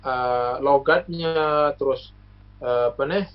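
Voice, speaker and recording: A man's voice: mid-range voice, slow pace. A man from Lombok, Indonesia, a university alumnus and guest, explaining things in a casual chat, patient and lecturing, with many hesitations and examples. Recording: muffled lo-fi recording.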